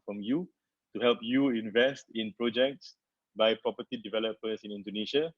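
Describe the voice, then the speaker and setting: A man gives a webinar presentation from home, and his speech keeps stopping on "uh" fillers and restarts. His voice sits fairly low. The sound is dry and a little dull, like a home computer mic. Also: no echo. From Singapore. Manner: halting, with frequent "uh" fillers and restarts. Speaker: company founder presenting a webinar.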